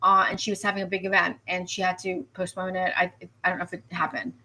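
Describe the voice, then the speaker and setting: A female meteorologist hosts a live weather stream, animated and chatty, with a lowish voice and fast delivery. She repeats herself and reacts to viewer comments as they come in.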